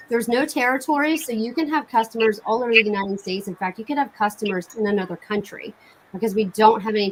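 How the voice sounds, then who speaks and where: Woman, medium pitch, informal sales host, chatty and enthusiastic, casual live-stream pitch, noisy home recording. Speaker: cosmetics sales consultant hosting online bingo night.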